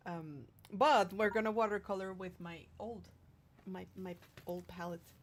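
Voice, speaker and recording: This singer-songwriter streamer speaks a little slowly in a medium-pitched voice with fairly even intonation, over a faint hiss or hum. Casual and affectionate, she playfully reads and replies to messages from her viewers.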